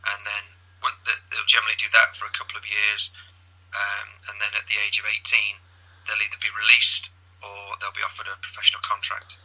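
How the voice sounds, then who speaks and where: A man's voice: lowish voice, monotone, brisk, sharp tone, low-quality recording. A man with an English accent, a football coach explaining his views earnestly and thoughtfully in an interview.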